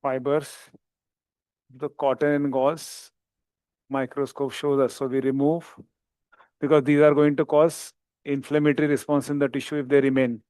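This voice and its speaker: Man, Indian accent, surgeon's live commentary, slightly high pitch, flat intonation, dry close sound, terse commands. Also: normal speed, long pauses, clear, resonant tone, no room sound. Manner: terse, clipped commands to assistants. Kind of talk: live procedural commentary and instructions.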